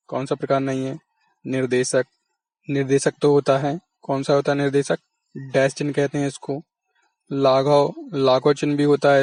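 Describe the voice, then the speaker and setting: A man's voice: a little high, a little mellow, dry recording. A man teaching an exam-prep lesson, patiently explaining and answering his own questions.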